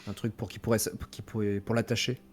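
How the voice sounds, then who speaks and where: Man, tabletop game player, lowish voice, cautious, hesitant. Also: level tone, quick pace, slightly rough, faint music behind. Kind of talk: casual tabletop game talk.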